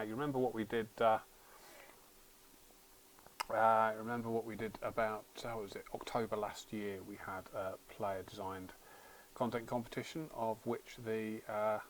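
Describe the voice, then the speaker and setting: A man's voice: fairly low pitch, slight background noise, low-quality recording. A man hosting a livestream, chatting casually while he plays a game, rambling and often restarting his sentences. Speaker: livestream host.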